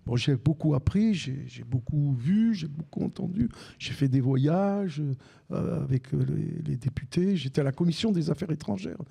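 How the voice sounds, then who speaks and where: An older man with a Marseille accent, telling lively anecdotes as a podcast guest and acting out the dialogue. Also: fairly high pitch, normal speed, creaky, breathy edge. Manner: animated anecdotes with repeated restarts and acted-out dialogue. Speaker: guest, former sports radio commentator. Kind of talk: storytelling in a live podcast conversation.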